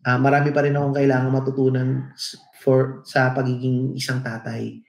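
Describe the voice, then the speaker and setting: Filipino man, middle-aged podcast co-host, mid-pitched, reflective storytelling, roomy echo. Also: monotone, normal speed, vocal fry, darkish tone. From Philippines. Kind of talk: casual podcast chat, mixing in English. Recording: echoey room.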